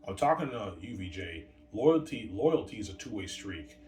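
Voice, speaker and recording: Man, 30s, deep and rambling home vlogger, swears a lot, distant mic in a boomy room with background noise. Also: sing-song, moderate pace, a little mellow, reverberant. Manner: meandering, casual, swears, argues with absent people. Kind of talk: late-night rambling monologue. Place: room at home, family upstairs.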